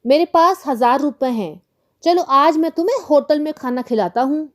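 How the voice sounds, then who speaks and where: Woman doing a carefree schoolboy in a kids' story, kinda high, bouncy up and down, slow and clear. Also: lively intonation. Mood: breezy. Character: cheerful schoolboy who treats his friend.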